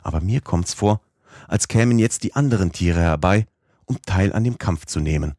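Male audiobook narrator, low register, measured steady delivery, dry close sound. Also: dry recording. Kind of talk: scripted narration of a classic novel.

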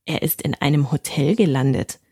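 Husky, low-voiced woman reading a bedtime story. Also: normal speed, no echo, clean studio sound. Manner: calm, gentle storytelling.

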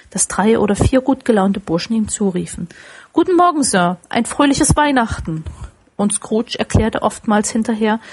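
A woman narrates a classic tale in a steady, expressive audiobook reading. Her voice has a slightly husky, breathy edge at a mid pitch.

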